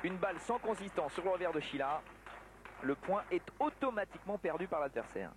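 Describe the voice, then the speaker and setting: A man's voice: high voice, big pitch swings, fairly quick. A man giving live sports commentary on a table tennis match. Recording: noisy sports hall broadcast, background ambience. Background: sports hall noise.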